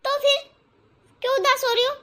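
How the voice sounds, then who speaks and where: A woman voicing a patient young daughter-in-law in a cartoon who calmly reasons with her mother-in-law. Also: extremely high pitch, fairly quick. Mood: coaxing. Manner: calm, coaxing.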